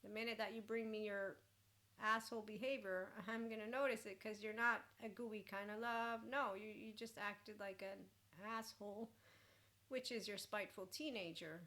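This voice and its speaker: A woman giving an informal, rambling mentoring talk in an expressive, blunt way, with casual asides. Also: medium pitch, normal speed. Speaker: mentor and host.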